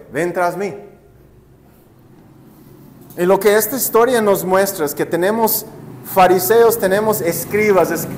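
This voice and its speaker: Guy preaching a sermon, kinda high voice, tells stories and keeps asking the church "right?". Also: slight background noise. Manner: storytelling with rhetorical questions to the congregation; addresses listeners as brothers and sisters. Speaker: pastor.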